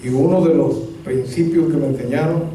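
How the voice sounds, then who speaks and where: Man preaching, high voice, lively humorous storyteller; distant mic in a very echoey church hall. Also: brisk, slight background noise. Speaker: pastor. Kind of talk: storytelling sermon.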